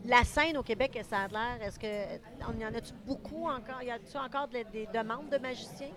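Québécois lady hosting a chat, kinda high voice, jumps in a lot, excited. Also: a little fast. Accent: Québécois French. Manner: enthusiastic, chatty, interjecting. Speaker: interview host, comedian. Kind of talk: casual interview chat.

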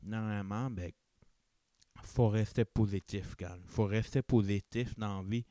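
A young Acadian man from New Brunswick, Canada, hosts a casual solo podcast in Chiac French, rambling, correcting himself and dropping in English words. His voice is fairly low, steady and warm, with a measured pace. The studio-quality recording has no room sound.

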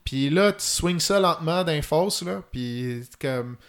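Quebec man, fly-fishing expert, slightly higher voice, technical and detailed, lots of fillers. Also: expressive, measured pace, fairly bright tone. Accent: Quebec French. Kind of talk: casual podcast chat.

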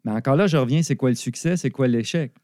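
A middle-aged man with a Quebec French accent walks through business ideas like a teacher, animated and quick to laugh. His voice is mellow and dark. The recording is dry and close. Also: medium pitch, no room sound. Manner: animated, explanatory, laughs often. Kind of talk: conversational explanation.

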